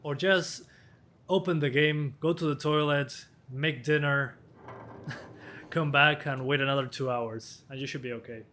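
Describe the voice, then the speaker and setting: A man in his twenties, slightly hoarse, casually answering viewer questions on a live stream as a hardware tester with quick chuckles. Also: on the high side, steady tone, sharp tone, slight background noise. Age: 20s.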